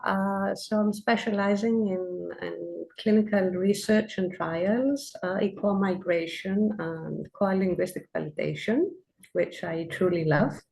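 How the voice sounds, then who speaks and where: A woman's voice: mid-range voice, measured pace, gravelly, darkish tone, low-quality recording. A woman in her forties from Greece, a guest on a podcast, answering with many hesitant fillers. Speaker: podcast guest, project manager. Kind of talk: casual interview answers.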